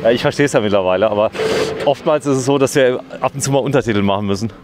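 A man's voice: medium pitch, racing. A man hosting a video at a demolition site, chatting with workers and commenting on the work. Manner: chatty, curious, interviewing. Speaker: video host. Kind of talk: vlog commentary. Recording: outdoor noise with traffic.

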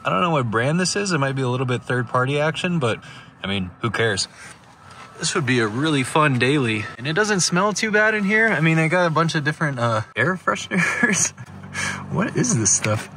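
A man's voice: a little high, sing-song, normal speed, sharp tone. Young male vlog host, enthusiastic, selfie phone mic, light background noise. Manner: enthusiastic, chatty, thinking aloud. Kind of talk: casual walkaround vlog. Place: inside a parked car, then outdoors at an auction lot. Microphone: phone held at arm's length.

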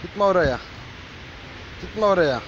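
A man's voice: high voice, animated, slow. A man talking to stray cats in a casual vlog, calling and coaxing them over and over in short repeated phrases. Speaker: vlogger. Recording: dull lo-fi audio with clear street noise.

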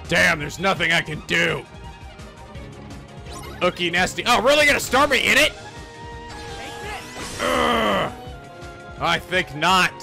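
A man hosting a comedic let's play, talking in an animated, joking way and swearing often. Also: sits high, takes it slowly, creaky, pauses often, soft background music.

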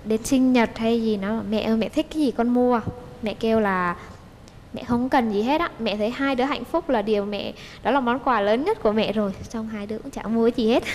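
A woman's voice: a little high, a little fast, in a large hall, slight background noise. A young woman chats on a TV talk show. She tells her stories as a guest, linking one event to the next with "xong", and mimics the people she quotes. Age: young adult. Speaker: guest daughter-in-law. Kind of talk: casual storytelling on a TV talk show.

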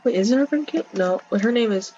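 A woman's voice: on the high side, quick pace, faint music behind. A woman chatting casually as she plays and comments on a video game, talking to her viewers. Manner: chatty, excitable, talks to viewers. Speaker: gameplay commentator. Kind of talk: casual let's-play chat. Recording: dull lo-fi mic with faint hiss.

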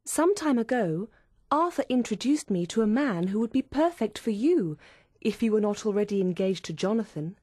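A woman's voice: medium pitch, big pitch swings, moderate pace, darkish tone, no room sound, studio quality. A woman voicing a young woman who reads out confiding, gushing letters to her friend.

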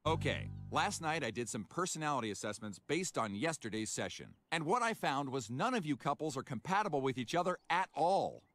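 An earnest couples counselor in a cartoon, measured and matter-of-fact. His voice sits a bit high and moves a lot. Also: very animated, a bit bright.

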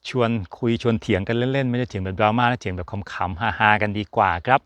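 A man's voice: fairly low pitch, fast talker, fairly bright tone, no room sound. A man hosting a casual chatty motorsport talk, joking and rambling with fillers as he talks to his viewers. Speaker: F1 channel host. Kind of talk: casual chat to camera.

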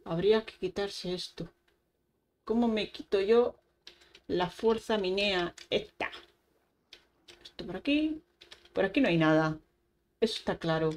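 A young woman talks her way through a Minecraft session at an unhurried pace. She chats to herself with frequent exclamations. Faint keyboard typing and mouse clicks sit behind her voice. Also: medium pitch, animated, darkish tone, a little hiss or hum. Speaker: gaming YouTuber. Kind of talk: casual Minecraft gameplay commentary.

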